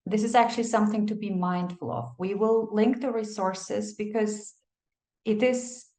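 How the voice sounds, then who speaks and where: A woman giving animated migration advice, telling stories and acting out the people she quotes. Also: medium pitch, moderate pace. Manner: expressive storyteller, acts out quotes, laughs. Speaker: migration advisor. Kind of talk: animated advice talk with anecdotes. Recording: echoey room.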